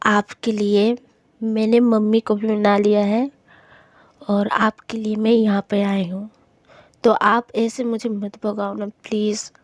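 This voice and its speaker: Brief: woman playing a young lover in an audio story, high, slow and mellow, apologetic and coaxing. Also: fairly even intonation, dry recording. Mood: soft whisper. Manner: pleading, apologetic, affectionate. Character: young woman pleading with her upset girlfriend.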